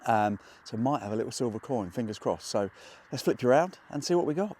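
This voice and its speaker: Excitable male metal-detecting vlogger outdoors. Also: mid-range voice, fast. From England. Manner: chatty, excitable, talks to viewers. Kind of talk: casual outdoor vlog narration. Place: muddy field outdoors.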